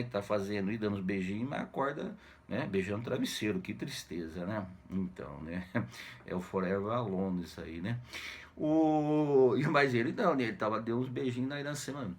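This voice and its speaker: A man's voice: fairly low pitch, breathy edge. Joking Brazilian man retelling a novel. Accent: Brazilian Portuguese. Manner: jokey, slangy, constant "né?" tags, acts out characters' lines. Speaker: literature teacher. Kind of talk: casual retelling of a novel for students.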